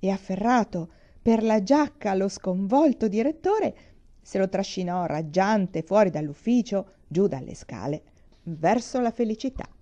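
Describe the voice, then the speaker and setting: Expressive woman reading her own stories. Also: mid-range voice, unhurried, highs cut off. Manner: expressive reading with dramatic swings. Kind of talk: storytelling narration.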